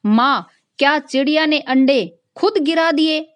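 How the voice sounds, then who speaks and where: A woman's voice: high-pitched, a little slow, pitched above the performer's own voice. A woman reading as a timid young girl. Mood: fearful. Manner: fearful, hesitant.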